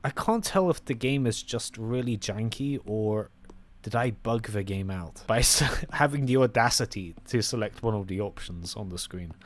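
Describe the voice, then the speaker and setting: A man narrates his playthrough of a horror game with dry sarcasm and exasperation. His pitch swings widely as he reacts. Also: lively intonation, normal speed, slight background noise. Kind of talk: gameplay commentary.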